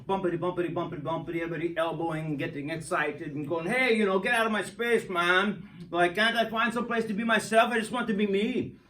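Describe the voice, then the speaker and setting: A man's voice: fairly high pitch, a bit bright, distant mic, a little hiss or hum, rough recording. A man hosting a goofy hands-on science demo for kids, joking and rambling with lots of restarts. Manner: playful, jokey, rambling with restarts. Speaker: science show host.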